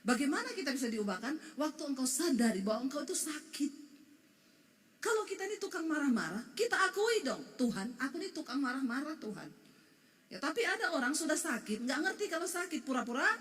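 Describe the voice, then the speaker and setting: A woman pastor preaching a sermon, animated, acting out quoted voices. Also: sits high, quick pace. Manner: animated, shifts into quoted voices and crying tones. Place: church hall. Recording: long hall reverb.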